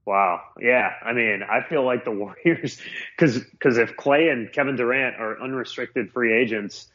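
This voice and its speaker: A man's voice: mid-range voice, measured pace, a bit bright. Man, sports podcast co-host, chatty, thinks aloud, dull cave-like muffled sound, lo-fi home recording. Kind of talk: casual sports betting chat. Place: small makeshift home room in a new house, under a blanket.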